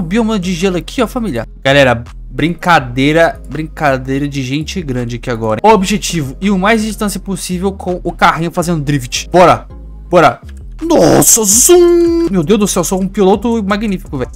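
A man with a Brazilian Portuguese accent giving excitable, playful gameplay commentary. He repeats catchphrases and swings between loud squeals and low mutters. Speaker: gaming YouTuber.

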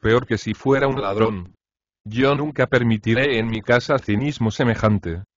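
A man's voice: medium pitch, normal speed, lightly acted. A commanding, nagging wife, read by a man. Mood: imperious. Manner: imperious and nagging. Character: fussy, commanding middle-aged wife. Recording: dry, slightly dull audiobook recording.

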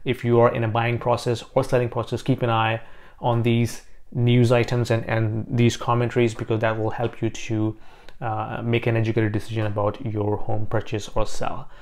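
A man in his thirties, a realtor talking through the housing market to camera in a casual, thoughtful way, pausing often with fillers and restarts, recorded on a lapel mic in a small home office. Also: medium pitch, monotone, a little mellow. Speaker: realtor and finance vlogger.

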